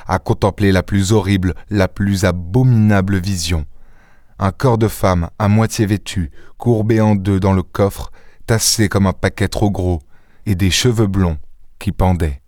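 Man, audiobook narrator, low voice, dry studio sound, measured dramatic storytelling. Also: darkish tone, dry recording. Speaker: audiobook reader. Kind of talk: scripted literary narration.

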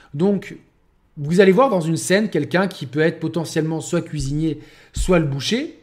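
This video game review comes from a man whose fairly high voice is a little mellow. His talk is loose and rambling, full of fillers and sentences he starts over.

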